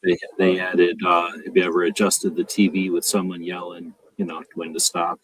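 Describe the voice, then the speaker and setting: A man's voice: low voice, level tone, moderate pace, a crowd in the background, low-quality recording. A man on a podcast panel, rambling casually with many fillers. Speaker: panel guest.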